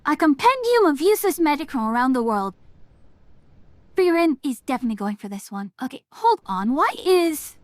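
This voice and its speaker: Playing a game on a livestream, a woman chats casually in a cute anime-streamer style, taking on a witch persona. She reads titles aloud and murmurs her reactions to them. Her voice is high-pitched with big swings in pitch, her pace fairly quick, and there's no room sound.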